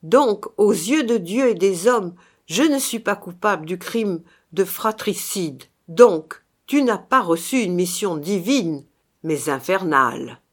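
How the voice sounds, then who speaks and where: A woman voicing a vengeful male ghost warrior in an audiobook, declaiming loudly through clenched teeth. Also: mid-range voice, expressive, slow pace. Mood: defiant. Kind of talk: audiobook reading.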